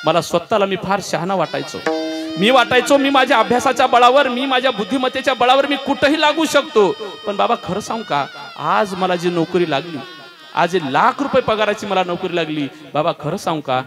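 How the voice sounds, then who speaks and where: Preacher voicing a tearful grateful young son. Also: male voice, high voice, brisk, music in the background, voice pushed up. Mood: tearful, earnest. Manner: earnest, pleading repetition. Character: tearful young man thanking his father.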